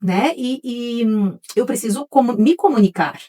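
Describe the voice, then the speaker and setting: A woman's voice: a little high, animated, moderate pace, warm tone, breathy edge. A woman, co-hosting a casual podcast chat and thinking aloud as she talks. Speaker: podcast co-host.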